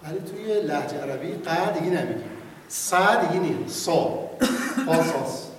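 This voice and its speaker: A man teaching Quran recitation in class, stretching out sounds slowly and having students repeat. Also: a little high, animated. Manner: demonstrates sounds by drawing them out slowly. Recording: echoey room from far off, faint noise.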